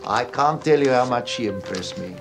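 A smug, taunting interrogator. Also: male voice, mid-range voice, animated, normal speed, creaky, over music. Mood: menacing mockery. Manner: mocking, coolly bureaucratic. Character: smug menacing apartheid-era male police interrogator. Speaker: security police interrogator.

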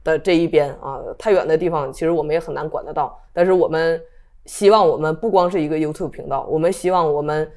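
A woman's voice: low-pitched, fast, a little mellow. A woman in her thirties hosting a casual talk show, speaking emphatically and firing off indignant rhetorical questions. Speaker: host. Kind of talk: casual political chat.

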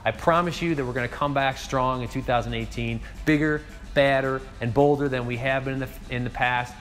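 Faint music plays behind a man in his forties, a restaurant owner from northeast Ohio, who sits in his empty bar and gives an upbeat year recap directly to a camera at mid distance, hands gesturing. He speaks briskly in a steady, medium-pitched voice that is a bit bright.

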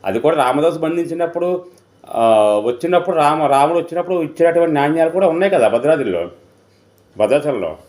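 A man's voice: on the high side, animated, fast talker, darkish tone. Sneering man hosting a live stream. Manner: abusive, sneering, full of insults. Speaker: host of a live online debate. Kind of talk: mocking live-stream commentary.

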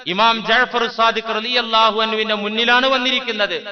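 A male Islamic preacher giving a sermon. He chants scripture slowly, then explains it phrase by phrase and puts rhetorical questions to his listeners. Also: very high voice, flat delivery. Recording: dull lo-fi recording with a crowd audible.

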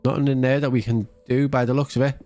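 A man's voice: mid-range voice, flat delivery, fast, warm tone. A man around his thirties or forties giving casual, chatty let's-play commentary, thinking aloud close to a desk mic. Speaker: gaming channel host. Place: indoors at a gaming setup. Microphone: desk microphone, close.

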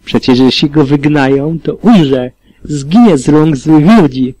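Mężczyzna narrator czytający audiobook z przejęciem, w pierwszej osobie. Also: male voice, on the high side, a little slow, mellow, no echo, rough recording. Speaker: audiobook reader. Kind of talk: audiobook narration of fan fiction.

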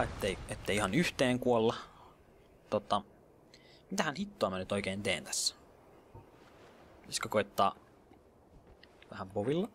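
A man's voice: on the low side, a bit bright, slight background noise. Man muttering over gameplay. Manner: chatty, mutters and whispers during tense moments, drops English gaming slang. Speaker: let's play gamer. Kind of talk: casual gameplay commentary.

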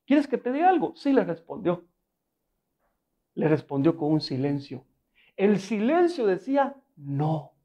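Lively, dark-voiced man preaching. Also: sits high, measured pace, long pauses, muffled recording. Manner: conversational preaching with frequent rhetorical questions; storytelling with humor. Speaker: pastor. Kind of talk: sermon.

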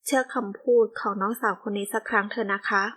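A woman's voice: mid-range voice, little pitch movement, quick pace, a bit bright, natural voice. Sweet, tearful young woman, pleading and polite, voiced by the reader; storybook role.

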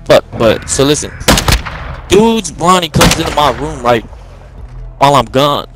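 A man's voice: fairly high pitch, animated, measured pace, loud music behind the voice. A man in his twenties chatting casually while gaming, telling long rambling stories in heavy slang. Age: 20s. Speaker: gamer. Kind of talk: casual chat while playing. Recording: game sounds and gunfire behind the mic. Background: gunfire from the game.

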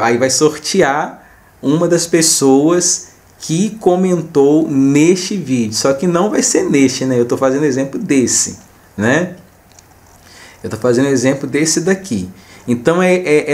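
A man's voice: on the high side, lively intonation, measured pace, darkish tone. A man with a Brazilian accent, casually narrating a screen recording as a channel host and addressing viewers informally, often repeating himself. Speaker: host of a small gaming video channel.

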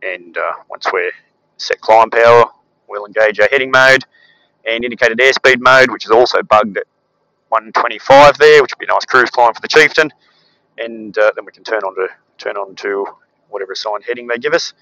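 A man, a pilot calmly explaining the autopilot from the cockpit over a headset. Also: mid-range voice, normal speed, dry recording, rough recording. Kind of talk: cockpit walkthrough narration. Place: small aircraft cockpit in flight.

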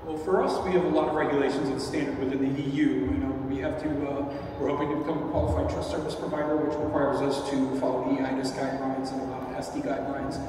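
A man on a conference panel, explaining technology in a steady way. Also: mid-range voice, fast, crowd noise. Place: large conference hall. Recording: echoey hall recorded from far off.

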